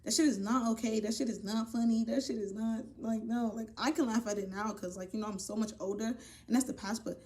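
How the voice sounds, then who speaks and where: Animated young woman telling a storytime. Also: fairly high pitch, brisk, hardly any pauses. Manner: casual, profane, animated storytelling addressing viewers as y'all. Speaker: vlogger. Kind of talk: storytime vlog.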